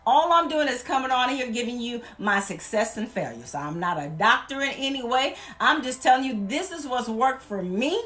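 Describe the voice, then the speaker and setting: A woman from Louisiana talks straight to her viewers in an emphatic, folksy vlog. Her voice sits a little high, and she preaches with warm conviction. She leans hard on repeated phrases to drive her points home. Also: animated, normal speed, hardly any pauses. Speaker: weight-loss vlogger. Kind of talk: motivational vlog talk.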